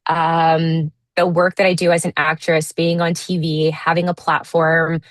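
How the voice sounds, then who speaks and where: A woman in her thirties with a low voice talks through her answers as an interview guest. She is reflective and often restarts her sentences with fillers. The sound is dry and close. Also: flat delivery, unhurried, dry recording. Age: 30s. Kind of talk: casual interview talk.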